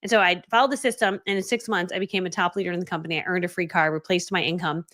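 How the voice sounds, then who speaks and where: A woman in her forties from Connecticut, a business coach telling her story on a casual live stream, chatty and animated. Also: fairly low pitch, rapid-fire. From Connecticut, USA. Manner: chatty, animated, quoting herself, many "like" fillers.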